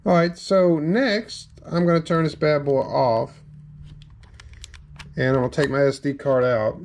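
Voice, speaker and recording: A man's voice: on the high side, steady tone, measured pace, a little mellow, a little hiss or hum. A man with a Southern US accent talking casually through a step-by-step tech tutorial, full of ums and restarts. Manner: rambling, filler-heavy, step-by-step narration. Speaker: game hardware reviewer. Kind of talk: casual screen-recorded tutorial.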